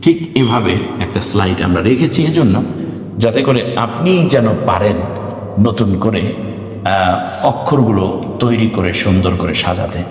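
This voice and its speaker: A man's voice: lowish voice, moderate pace. Patient male teacher in an echoey room. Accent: Bangladeshi Bengali. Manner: patient, explains step by step with examples. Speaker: Quran reading teacher. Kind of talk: online slide lesson. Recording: very echoey room with long reverb.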